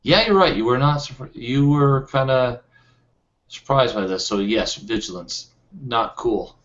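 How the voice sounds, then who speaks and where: A man acting as game master in a tabletop role-playing game, thinking aloud as he goes, with frequent pauses and restarts. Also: mid-range voice, fairly bright tone. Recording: dull lo-fi sound.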